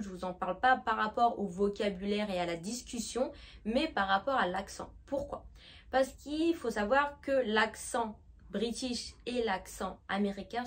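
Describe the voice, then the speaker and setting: Young woman from France, teacher type, bright higher voice, chatty explaining style. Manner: lively, checks in often with "d'accord?". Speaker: English teacher. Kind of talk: explaining to camera.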